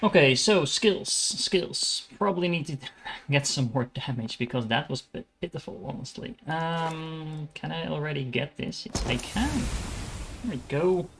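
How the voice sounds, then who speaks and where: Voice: mid-range voice, unhurried, a bit bright, a little hiss or hum. Dutch accent streamer chatting over gameplay, lots of ums, mid voice. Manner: chatty, hesitant asides with fillers. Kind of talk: casual gameplay commentary.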